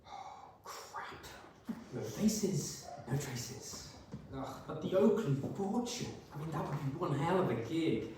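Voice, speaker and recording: A man's voice: on the high side, big pitch swings, takes it slowly, noisy background. A man playing a nervous, evasive fiancé in a staged rehearsed reading, hesitant, stammering and placating. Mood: muttering, conflicted. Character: nervous, evasive fiancé hiding a secret job. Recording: very echoey room, distant microphone.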